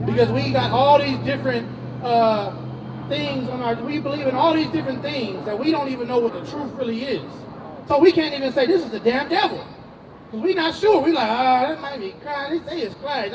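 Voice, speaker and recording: A man's voice: very high voice, recorded from a distance, low-quality recording. A man street preaching, emphatic and slangy, calling on a reader and questioning the crowd outdoors.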